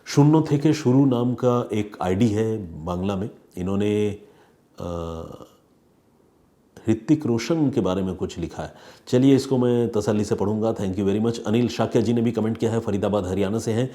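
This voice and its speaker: A man, talking to his viewers as a regular crime-show host. His voice sits on the low side and sounds mellow and warm. He talks in a calm, measured, conversational manner. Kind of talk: reading viewer comments, casual chat.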